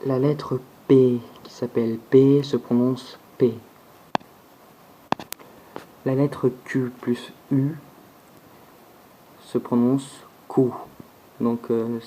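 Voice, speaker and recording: Very slow, mellow-voiced man teaching pronunciation. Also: mid-range voice, slight background noise, poor audio. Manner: slow and deliberate, repeating each sound several times. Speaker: language teacher. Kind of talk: alphabet pronunciation lesson.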